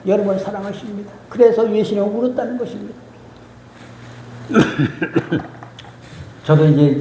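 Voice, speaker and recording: A man's voice: high voice, mellow. A man preaching a sermon as pastor, emotional and emphatic, repeating key phrases. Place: church sanctuary. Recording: roomy church hall reverb.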